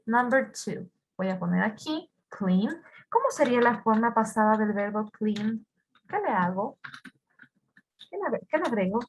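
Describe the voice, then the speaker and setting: In an online class, a woman with an Ecuadorian Spanish accent explains English grammar, patiently repeating words and putting questions to her students. Her mid-range voice is husky, and the audio sounds dull.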